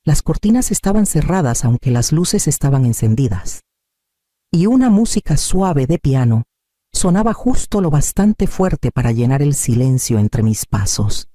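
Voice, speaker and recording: A man narrates a scripted story in a calm, measured way. His voice is deeply mellow and sits a little high. The sound is dry and close. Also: dry recording.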